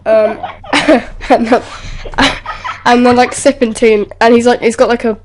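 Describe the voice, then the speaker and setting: A young British woman chatting casually on a podcast, halting and restarting often. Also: on the high side, level tone, slight background noise. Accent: British English. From Britain. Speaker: podcast co-host. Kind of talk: casual chat.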